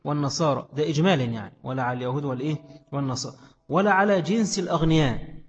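A man's voice: a little high, very fast. A man with an Egyptian accent teaching a classroom lesson, explaining a text and asking questions that he answers himself. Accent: Egyptian Arabic. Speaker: religious studies teacher. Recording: echoey hall, dull lo-fi sound.

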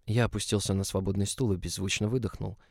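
A man reading a first-person audiobook in a calm, even, low-key way. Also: fast talker, no echo, studio quality. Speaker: audiobook narrator.

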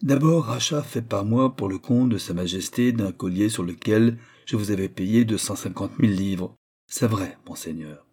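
Man voicing a proud cardinal-prince, imperious, lofty, low dark husky voice, storybook reading. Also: moderate pace. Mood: haughty. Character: haughty, indignant older male cardinal-prince.

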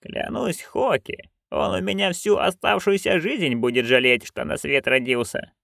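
A man voicing a proud, hot-tempered old witch woman who hisses and growls her words slowly. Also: vocal fry, fairly bright tone, no echo, studio quality, exaggerated voice. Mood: seething. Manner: hissing, growling, slow and low.

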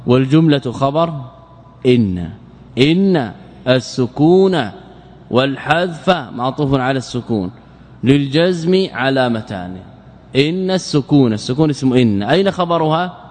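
A man's voice: medium pitch, expressive, moderate pace, pauses often, a little mellow. A man giving a classroom grammar lesson, asking his students questions, answering them himself and repeating key phrases for emphasis. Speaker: teacher of Arabic grammar. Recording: long reverb of a lecture hall.

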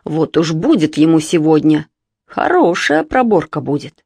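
A woman's voice: low-pitched, sing-song, measured pace, gravelly, warm tone, breathy edge, no room sound, exaggerated voice. A woman voicing a worried mother who frets and scolds over her truant son, in a storybook reading. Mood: fretful. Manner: fretful, scolding, lamenting. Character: anxious mother of a truant boy.

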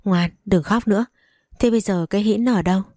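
A fierce young mother from a storybook village, voiced by a woman reader, snapping out threats and scolding with a mellow, dark tone. The sound is close and dry. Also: medium pitch, brisk, no echo, lightly acted. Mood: tender.

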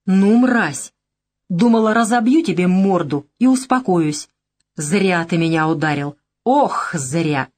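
A woman's voice: mid-range voice, expressive, moderate pace, natural voice. A woman voicing a fierce, vindictive young woman who speaks harshly and angrily. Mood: furious. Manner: angry and harsh.

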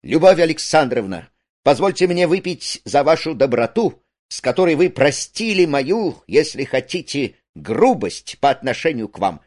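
A man doing an excitable, pompous young suitor. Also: a little high, moderate pace, pitched above the performer's own voice. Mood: excited. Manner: excited, ceremonious, declamatory.

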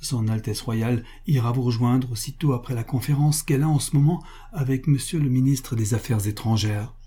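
A man's voice: medium pitch, a little fast, dark tone, breathy edge, lightly acted. A man voicing a courteous young aide-de-camp in a storybook reading, earnest and deferential.

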